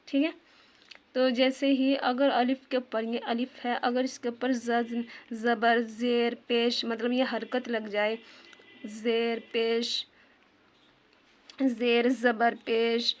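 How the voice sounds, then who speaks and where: A woman teaches Quran recitation in a patient, step-by-step way. Her voice sits a little high but stays on an even, narrow melody. She keeps repeating key terms and quizzing her listeners. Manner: patient, repeats terms and asks questions back to viewers; slows down to demonstrate Arabic sounds. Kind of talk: tajweed lesson.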